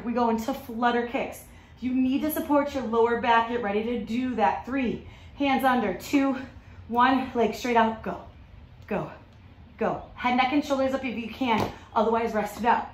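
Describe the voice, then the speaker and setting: A woman in her thirties coaching a workout with short commands and counts, giving a motivational halftime-style pep talk while exerting herself. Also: on the high side. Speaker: fitness instructor leading a workout. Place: home garage gym, indoors. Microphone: camera a few metres away. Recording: echoey room from a distance, faint noise.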